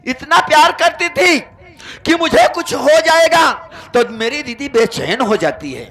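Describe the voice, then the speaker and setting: A man's voice: very high-pitched, animated, unhurried, pushed and bright, exaggerated voice. A man playing a betrayed, hot-tempered brother in a folk stage drama, declaiming melodramatically to the audience.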